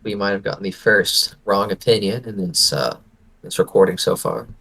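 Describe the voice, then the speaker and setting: A man's voice: lowish voice, moderate pace, vocal fry, pushed and bright, breathy edge. A man co-hosting a podcast in casual chat, playful and teasing. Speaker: podcast co-host.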